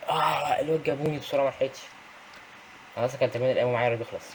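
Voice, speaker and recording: Rapid excitable Egyptian gamer man. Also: mid-range voice, slight background noise. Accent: Egyptian Arabic. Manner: excitable, shouting at enemies. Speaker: gaming YouTuber. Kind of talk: gameplay commentary.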